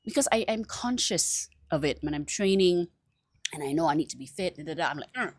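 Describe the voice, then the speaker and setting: A low-pitched woman chats to camera in a lively, self-mocking way, breaking into laughter often. Her voice sounds dry and close, with no room echo. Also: fairly quick. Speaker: vlogger. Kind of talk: casual chat to camera.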